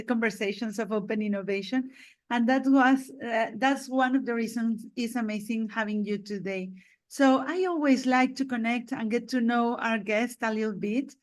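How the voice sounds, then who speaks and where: An enthusiastic woman hosts a video-call interview with a high, bright-sounding pitch. She greets and praises her guest warmly, leaning on fillers as she frames each question. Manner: enthusiastic, repeats "this is amazing". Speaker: host.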